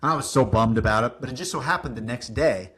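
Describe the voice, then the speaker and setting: A man telling stories as a guest on a business podcast, lively, acting out what people said, with some casual swearing. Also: medium pitch, fast. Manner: animated, acts out quoted dialogue, casual swearing. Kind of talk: casual interview storytelling.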